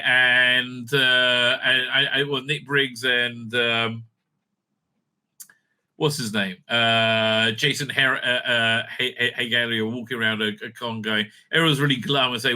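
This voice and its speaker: Sharp-toned and on the high side, a fan news show host muses aloud while browsing a screen. His commentary is rambling, unscripted, blunt and sweary.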